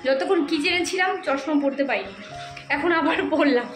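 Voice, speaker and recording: A slightly hoarse woman chats in a high, rapid voice at home over dinner. The room gives her voice a noticeable echo. Clear music runs underneath her. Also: expressive. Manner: chatty, brisk and fussing. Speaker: cooking vlogger. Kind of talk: casual vlog chat at home.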